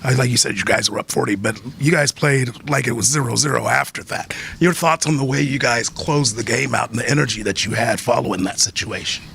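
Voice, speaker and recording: A man with a creaky, mid-pitched voice puts questions as a sports reporter. He sounds conversational, with faint noise in the room. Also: a little fast, hardly any pauses, a bit bright.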